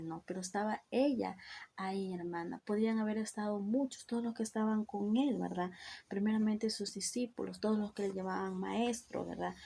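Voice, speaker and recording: A woman's voice: mid-range voice, creaky, dark tone, breathy edge. A woman giving an earnest devotional Bible teaching, often asking "¿verdad?" and addressing her listener as sister. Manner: repeatedly says "hermana" and "¿verdad?"; earnest, with slips and restarts. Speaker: preacher.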